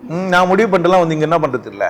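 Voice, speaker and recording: A man giving an informal spiritual talk at a satsang, animated and full of rhetorical questions, often laughing as he speaks. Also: fairly high pitch, racing. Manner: laughs often while talking.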